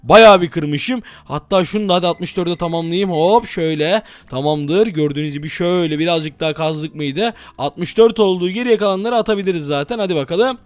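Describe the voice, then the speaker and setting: A man giving energetic Let's Play commentary, excitable and often yelling at enemies. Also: high-pitched, brisk, few pauses, no room sound. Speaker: gaming YouTuber.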